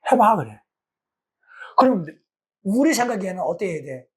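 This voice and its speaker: A man's voice: sits high, lively intonation, moderate pace, slightly rough. A middle-aged man, a pastor teaching a Bible study in a colloquial way, acting out the voices he quotes.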